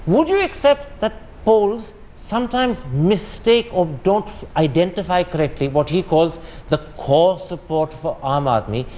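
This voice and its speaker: A man with an Indian accent moderates a televised political debate. His voice sits high, and he presses his guests with brisk, insistent questions. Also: lively intonation, darkish tone. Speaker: news anchor.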